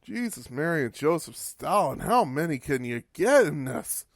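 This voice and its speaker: A man's voice: fairly high pitch, sing-song, normal speed, dry recording, studio quality. A man hosting a podcast, giving a casual, wry recap of old wrestling matches and swearing for laughs. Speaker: podcast host.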